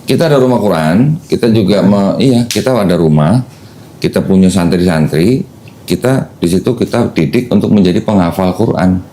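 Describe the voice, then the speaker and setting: A man's voice: deep voice, lively intonation, normal speed, mellow, slight background noise. A man hosting a casual podcast chat, patiently explaining things step by step to a new convert. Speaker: host explaining Islam to a convert.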